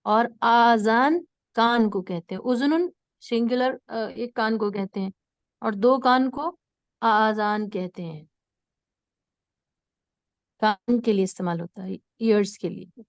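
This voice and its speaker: A woman teaching an Arabic lesson as an online class, explaining slowly and repeating words for emphasis. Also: a little high, no room sound, lo-fi sound.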